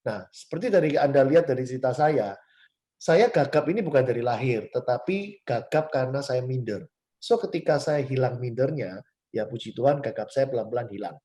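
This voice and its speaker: A man in his forties from Surabaya, telling his own life story to viewers in a fast, chatty, emphatic way, often speaking to them directly. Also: mid-range voice, animated. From Surabaya, Indonesia. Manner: emphatic, addresses listeners directly, sharp rises on key words; self-described fast, chatty talker. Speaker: motivational speaker. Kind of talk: personal story talk to viewers.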